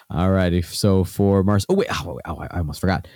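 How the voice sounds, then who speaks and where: A man co-hosting a podcast in casual chat, sounding nasal from a cold, relaxed and chuckling with lots of fillers. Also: deep voice, normal speed, no room sound, studio quality. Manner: laid-back, chuckling, filler-heavy. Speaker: podcast co-host.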